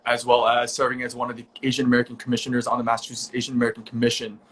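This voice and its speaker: A man's voice: mid-range voice, fairly bright tone. A young man hosting an online interview event, talking casually and upbeat with many fillers, over a video call. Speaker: host.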